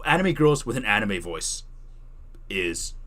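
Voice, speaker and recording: This streamer's voice is fairly low, with wide pitch swings, and he talks a bit slowly in a pushed, bright way. He chats casually on his livestream, giving a tutorial and answering viewer questions as he reasons aloud and rewords things.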